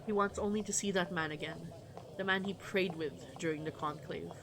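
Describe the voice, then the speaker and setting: Reading a story game aloud on her livestream, a woman speaks a little fast in a steady, lowish voice, tossing in informal, wry remarks. Music plays beneath her voice, along with some background noise.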